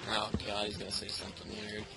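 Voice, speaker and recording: Teasing young man with loud game music. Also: lowish voice, completely flat delivery, quick pace. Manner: teasing, laughing banter. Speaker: player, group regular. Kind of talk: casual gaming chat.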